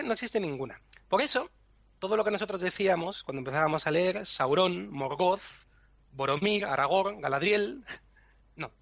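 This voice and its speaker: A man's voice: fairly high pitch, gravelly, fairly bright tone, no echo. A man explaining language rules to a co-host in a patient, teacherly way, with frequent chuckles. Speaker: language section guest. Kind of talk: explanatory podcast chat. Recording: dull lo-fi podcast recording with faint music.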